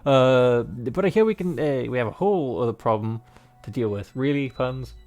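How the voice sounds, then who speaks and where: With soft music behind him, a man plays a visual novel and reads its narration aloud. His voice is medium-pitched, animated, and a little mellow, moving at a moderate pace through rambling, joking remarks thick with fillers.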